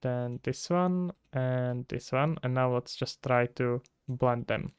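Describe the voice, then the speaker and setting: Taking it slowly, a man with a clear, resonant, mid-range voice and a Czech accent streams game development from the Czech Republic. He thinks out loud and answers chat casually, and the sound is clean studio audio with no echo.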